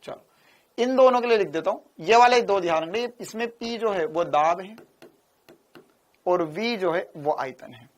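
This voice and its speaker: A man's voice: high-pitched, normal speed, slight background noise. Playful male physics teacher, rhythmic repeats. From India. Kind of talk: classroom-style lecture.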